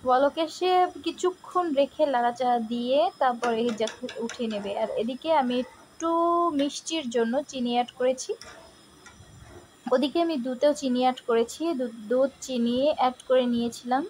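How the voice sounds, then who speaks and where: A woman's voice: sits high, normal speed, darkish tone, a little hiss or hum. A young woman with a Barishal Bengali accent, chatting casually as she demonstrates a recipe in her home kitchen and keeps telling viewers to look. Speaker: cooking vlogger.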